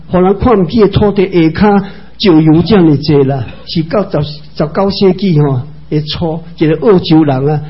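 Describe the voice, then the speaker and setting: Brief: male preacher, lively folksy sermon voice, a bit high and husky, dull muffled recording. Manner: animated, colloquial, many fillers. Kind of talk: storytelling sermon.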